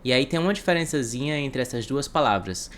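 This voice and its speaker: Brazilian male English teacher, mid-pitched, patient explainer, faint background hiss. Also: animated, a bit bright. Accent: Brazilian Portuguese. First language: Portuguese. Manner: slow, carefully spaced English examples with Portuguese translations. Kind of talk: explanatory online lesson.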